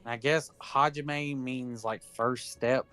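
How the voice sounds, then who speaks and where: A laid-back man chats while gaming, laughing often and cursing freely. His voice sits at a middling pitch. Game music plays faintly behind. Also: steady tone, slow, a bit bright, clear, resonant tone. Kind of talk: casual chat while gaming.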